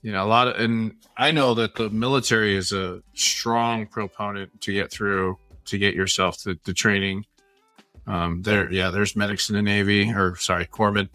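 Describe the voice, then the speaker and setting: A man's voice: lowish voice, fairly even intonation, moderate pace, pushed and bright, no room sound, faint music behind. A man from American Samoa co-hosting a casual podcast chat, talking in a rambling, joking and supportive way. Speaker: podcast co-host.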